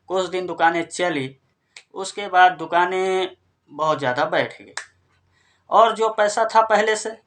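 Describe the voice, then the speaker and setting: A man from Hindi-speaking northern India, with a slightly high and somewhat bright voice, casually retells a family story while addressing his listeners as friends.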